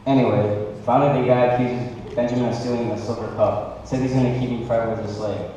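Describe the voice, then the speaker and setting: A man as a quick resolute brother. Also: medium pitch, fairly even intonation, mellow, slight background noise, close to an everyday voice. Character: brave brother offering himself as slave. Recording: echoey hall, distant mic.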